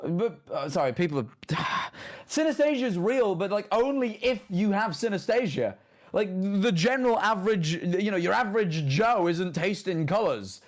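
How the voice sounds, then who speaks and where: Higher-voiced man joking dryly. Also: animated, normal speed. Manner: dry, self-deprecating joking. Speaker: co-host reading listener confessions. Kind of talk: casual comedic chat.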